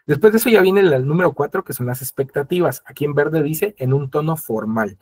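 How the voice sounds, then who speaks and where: A man's voice: fairly high pitch, a little fast. A man presenting an instructional webinar, explaining step by step, addressing his audience directly and acting out quoted conversations.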